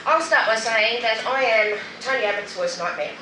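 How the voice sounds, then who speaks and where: Giving personal testimony in a public speech, a middle-aged Australian guest speaker and anti-poverty group member talks at a moderate pace in a slightly high voice. She is candid and emphatic with dry wit, and the distant event mic picks up echo and clear noise in the roomy space.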